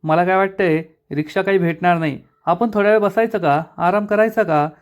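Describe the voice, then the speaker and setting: A man's voice: high voice, fairly quick, clear, resonant tone, close to an everyday voice. A man voicing a humble, eager young husband who talks in a polite, coaxing way. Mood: pleading.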